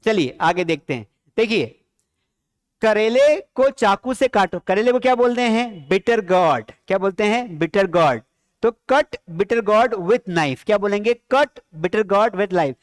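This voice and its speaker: A man with a high voice gives a live-streamed English lesson from a close mic, and the sound is dry and dead. He drills everyday sentences and asks his students the same questions again and again. He slows right down on each English phrase. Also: expressive, dry recording. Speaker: spoken English teacher.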